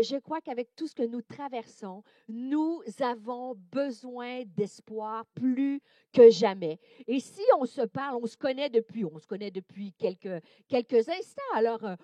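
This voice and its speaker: A woman with a Québécois accent, a guest preacher giving a sermon, animated and playful with many hesitations. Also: fairly high pitch, no echo. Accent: Québécois French. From Quebec, Canada.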